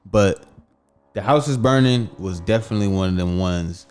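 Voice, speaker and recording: A man co-hosting a podcast in relaxed casual chat, swearing freely and explaining his views at length. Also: lowish voice, moderate pace. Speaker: podcast co-host.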